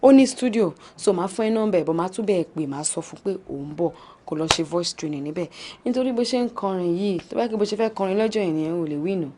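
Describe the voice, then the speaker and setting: A woman's voice: lowish voice, expressive, racing, background noise, lightly acted. A woman with a Nigerian accent playing a sceptical, bossy campus friend, scolding and insistent in conversational film acting. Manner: scolding, insistent, repeats herself.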